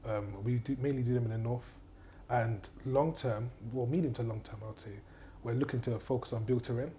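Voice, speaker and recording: Brisk and dark in tone, this man's mid-range voice carries a little hiss or hum. As a property investor and trainer appearing as a guest on a casual podcast interview, he confidently offers advice, repeats key phrases, and asks "do you get what I mean" to check the listener is following.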